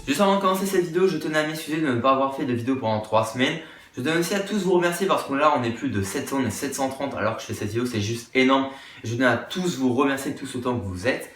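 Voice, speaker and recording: An upbeat man rattles through a casual tech explainer at a quick clip. He speaks straight to his viewers in a chatty manner. The room gives his voice a noticeable echo. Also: mid-range voice, expressive, fairly bright tone. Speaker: tech YouTuber.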